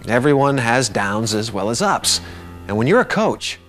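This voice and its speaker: A man's voice: medium pitch, sing-song, normal speed, fairly bright tone, soft background music. A man presenting a workplace coaching lesson in a conversational, emphatic scripted narration.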